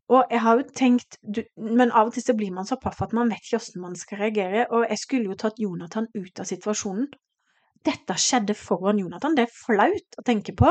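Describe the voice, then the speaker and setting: A middle-aged woman from Norway telling a personal story on her podcast, animated and emotional, acting out the lines of the people in it. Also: mid-range voice. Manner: emotional, animated retelling with quoted dialogue. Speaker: podcast host.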